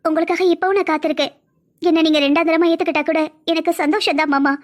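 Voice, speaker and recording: A woman's voice: extremely high pitch, steady tone, fast. A woman playing a lovesick, pleading young woman. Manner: pleading, emotional. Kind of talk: cartoon voice acting.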